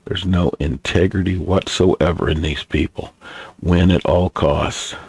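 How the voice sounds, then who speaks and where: An older man with a gravelly grandpa voice, rambling casually and bluntly as a reaction video host, halting and unhurried. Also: deep voice, steady tone, a little mellow, no room sound.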